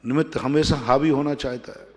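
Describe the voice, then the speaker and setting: Jain monk preaching in a reverberant hall. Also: male voice, medium pitch, steady tone. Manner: emphatic, repeats phrases with pauses. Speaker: Jain monk giving a discourse. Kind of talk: sermon.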